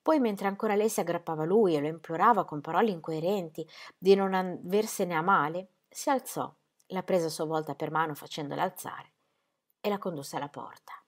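A woman narrating a literary audiobook in an expressive, unhurried reading voice. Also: lowish voice. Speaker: audiobook reader.

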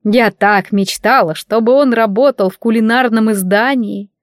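A woman voicing an overbearing, meddling middle-aged mother who speaks slowly and preachily in an audiobook. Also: on the high side, no echo, clean studio sound, close to an everyday voice. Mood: domineering. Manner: slow, domineering, preachy.

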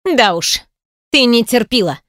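A woman reading an audiobook voices a sharp-tongued ex-wife, accusing and scornful. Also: a little high, animated, unhurried, no echo, studio quality.

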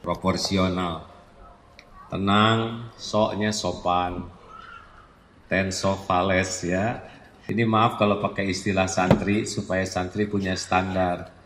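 With a low-pitched, fairly bright voice, a man preaches an Islamic sermon to a congregation, teasing and conversational as he acts out everyday scenes. The hall echoes, with faint ambience and a slight hiss or hum.

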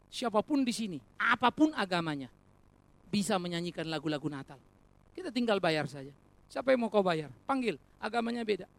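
Recorded dry, a medium-pitched preacher gives an animated, rhetorical sermon. Addressing the congregation directly as brothers and sisters, he weaves joking remarks into serious points.

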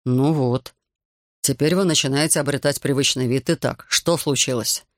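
A man voicing a stern, influential host who questions his visitor in a measured, probing way. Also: medium pitch, steady tone, no room sound, studio quality, natural voice.

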